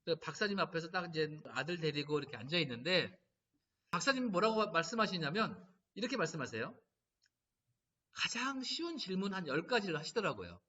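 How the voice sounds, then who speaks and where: Speaking fairly quickly in a voice on the high side, a middle-aged man gives caregivers a talk on laughter therapy. He animates it with stories and performed quotes. The recording comes from a distant mic and sounds dull and lo-fi.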